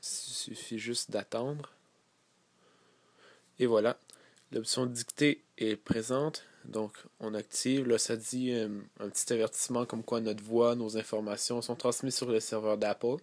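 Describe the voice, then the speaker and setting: A man with a Québécois French accent explains a tablet setting in an easygoing, step-by-step way, pausing with fillers as he goes. His voice sits at an ordinary middle pitch and sounds close and dry, with no room around it. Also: flat delivery, no room sound. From Quebec. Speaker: tech tutorial host. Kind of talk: casual screen-recorded tutorial.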